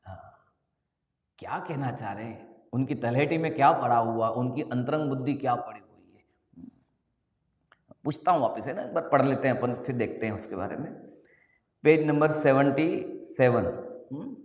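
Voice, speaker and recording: A man teaching scripture in a sermon, questioning his listeners and slowly chanting verses. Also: medium pitch, a little mellow, lo-fi sound. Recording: echoey hall, long reverb.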